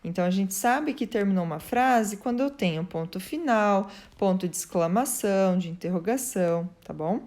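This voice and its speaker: A woman's voice: mid-range voice, lively intonation, moderate pace, hardly any pauses, a little mellow. A woman teacher explains grammar step by step, checking in often with her students. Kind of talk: grammar lesson.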